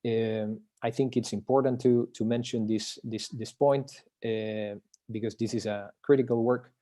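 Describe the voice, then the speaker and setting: A Chilean man presents his book in an academic talk over a video call. His medium-pitched voice is warm with fairly even intonation, and he pauses often, using filler sounds and restarting phrases.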